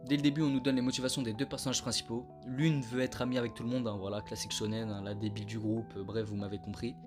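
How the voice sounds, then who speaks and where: A man's voice: mid-range voice, little pitch movement, fast. Laid-back slangy young man, music behind. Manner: self-mocking, joking asides. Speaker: anime YouTuber. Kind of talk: casual anime review vlog. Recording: clear background music under voice.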